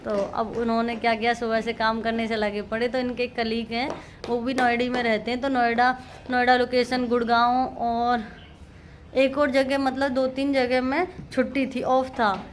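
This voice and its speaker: Woman, fairly high voice, casual home vlog, chatty, talks to viewers, handheld phone, faint background noise. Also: level tone, moderate pace. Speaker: vlogger mother. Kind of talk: casual family vlog narration. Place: at home, later on the rooftop. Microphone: handheld phone camera.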